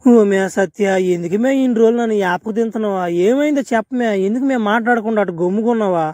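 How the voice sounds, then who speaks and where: A man voicing a young village fisherman in a comic cartoon spoof, talking in a rapid, pleading, coaxing way. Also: darkish tone, no echo, natural voice. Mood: impatient. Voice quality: high, squeaky cartoon man's voice. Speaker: fan cartoon voice actor.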